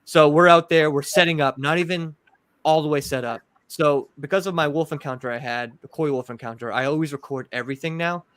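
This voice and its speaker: A man from Massachusetts, a podcast guest telling paranormal investigation stories in a rambling, animated, filler-heavy way. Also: fairly high pitch, a little fast, clear, resonant tone, dry recording. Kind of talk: casual storytelling.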